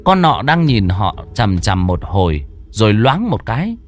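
A man narrating a ghost story with a lively, theatrical delivery. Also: lowish voice, unhurried, faint music behind.

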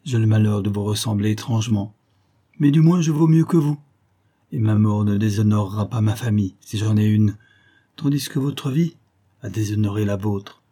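A man voicing a bold, proud young bandit chief who speaks with calm contempt and barks orders in an audiobook tale. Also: on the low side, moderate pace, natural voice. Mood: defiant. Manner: contemptuous, commanding.

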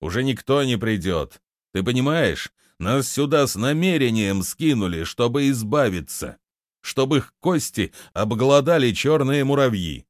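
A man voicing a weary, grumbling middle-aged ploughman who mutters in a low, gloomy way, as in an audiobook reading. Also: expressive, measured pace, no room sound, studio quality, natural voice.

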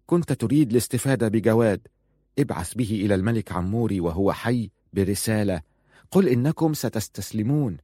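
A man's voice: lowish voice, expressive, brisk, mellow, no room sound. A bold, clever young wife speaks with teasing confidence in a dry, close audiobook recording , voiced by a man. She stays sure of herself and a touch playful. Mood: soft.

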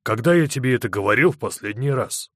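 A man's voice: mid-range voice, expressive, fast, fairly bright tone, no echo, studio quality. A man doing a grumpy businessman brother. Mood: irritable. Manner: grumbling, curt. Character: irritable middle-aged businessman brother.

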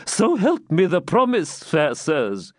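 A man's voice: sits high, lively intonation, measured pace, dry recording, clean studio sound, voice pushed up. A man voicing an aged, terrified old man who pleads for mercy in quavering archaic speech. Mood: pleading. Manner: trembling, pleading.

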